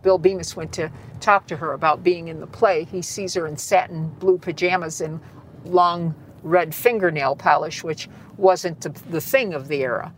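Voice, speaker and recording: A woman's voice: fairly low pitch, normal speed, slight background noise, rough recording. A woman tour guide telling stories as an interview guest. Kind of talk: storytelling in an interview. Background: faint music.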